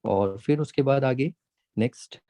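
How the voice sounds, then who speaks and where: Man, math teacher, patient, repetitive, mellow tone, dry sound. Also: medium pitch, no room sound. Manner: patient, repeats key points, drawn-out slow words. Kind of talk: classroom lesson, mixing Hindi and English.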